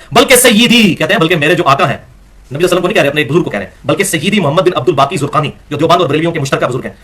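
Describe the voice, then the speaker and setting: A man giving an emphatic, argumentative religious lecture, slowing down to recite scripture verses. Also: high voice, sharp tone, slight background noise. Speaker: religious speaker.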